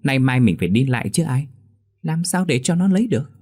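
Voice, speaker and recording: A man's voice: mid-range voice, lively intonation, fairly quick, darkish tone, breathy edge, voice pushed up. A man voicing a stingy, bad-tempered middle-aged village man who grumbles and scolds. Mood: scheming.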